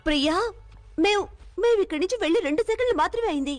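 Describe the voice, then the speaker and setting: A woman's voice: very high-pitched, lively intonation, rapid-fire, no echo, faint music behind. An actress dubbing a caring but skeptical woman camper who speaks soothingly. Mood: doubtful. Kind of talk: Telugu film dub.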